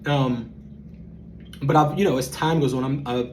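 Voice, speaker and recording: A man in his thirties hosting a podcast, telling a personal story in a reflective, halting way with frequent ums. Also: mid-range voice, steady tone, slight background noise, rough recording. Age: 30s. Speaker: podcast host.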